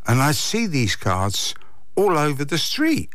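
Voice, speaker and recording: A man's voice: a little high, wildly swooping pitch, a little slow, a bit bright, dry recording, studio quality. A man with an English accent, middle-aged or older, explaining and recounting conversationally as an interview guest. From England.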